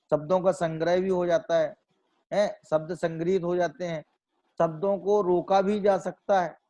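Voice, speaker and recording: A man's voice: sits high, darkish tone. A man giving a religious lecture on scripture, asking rhetorical questions and then answering them himself, often restating his points. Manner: repeats and restates phrases as he reasons aloud. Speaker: Jain scholar lecturing on scripture.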